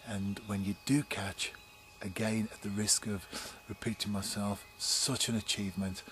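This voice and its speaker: Male angler vlogger, 40s, upbeat and hushed by turns, close camera mic outside, faint background noise. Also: fairly low pitch, level tone, a little slow. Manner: upbeat, chatty, often hushed to a near whisper. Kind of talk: casual outdoor vlog commentary. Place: canal bank outdoors at night and dawn. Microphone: camera mic at close range.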